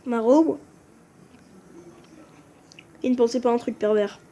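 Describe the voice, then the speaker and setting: A woman's voice: a little high, unhurried, warm tone, slight background noise. A woman giving casual commentary on a game video, hesitant and often stumbling over and correcting names. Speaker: gaming video creator. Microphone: phone screen recording.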